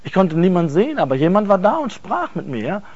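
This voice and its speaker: A man telling an emotional personal faith testimony, earnest and halting, repeating words for emphasis. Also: high-pitched, big pitch swings, a little mellow, lo-fi sound. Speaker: speaker giving a faith testimony.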